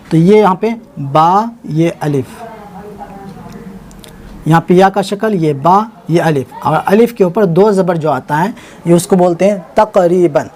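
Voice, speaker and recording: A man teaching Urdu script online, spelling out each word slowly letter by letter and checking in often with the viewer. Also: high voice, a little mellow, slight background noise. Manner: slow spelling out letter by letter, repeating words; informal, self-correcting, many "theek hai na" check-ins. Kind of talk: online writing lesson.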